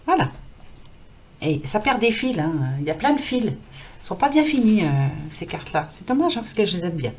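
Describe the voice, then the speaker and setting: Her medium-pitched voice swings widely in pitch, runs a little fast, and has a darkish tone. This French woman chats through an informal tarot reading on camera, reassuring and filler-heavy, while a scratchy throat leaves her losing her voice.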